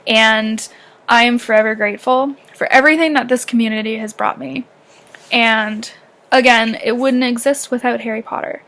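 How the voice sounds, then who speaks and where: A young woman from southern Ontario, with a light Canadian accent, rambles through a casual personal vlog, leaning heavily on fillers like "um" and "like." Her voice is on the high side and fairly bright, with a steady tone and moderate pace.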